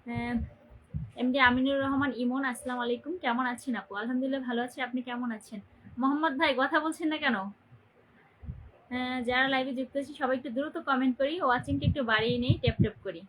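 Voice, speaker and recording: This low-quality recording captures a young Bangladeshi woman from Barisal running a phone livestream. Her high voice is steady, quick and a bit bright as she cheerfully welcomes viewers by name and asks them to comment and share.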